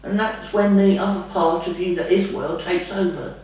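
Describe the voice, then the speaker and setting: She answers questions as a trance medium, homely and rambling, with "lovey" for the listener, in a spiritual session that feels like a casual chat. Her voice is fairly low and a little mellow with fairly even intonation at normal speed, and she's far from the mic in a very echoey room.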